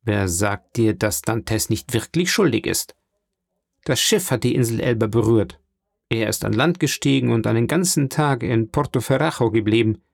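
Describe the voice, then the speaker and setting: A man's voice: medium pitch, animated, moderate pace, vocal fry, no room sound. A man reading an audiobook and voicing a scheming, cunning male accountant in a sly, insinuating manner. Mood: threatening.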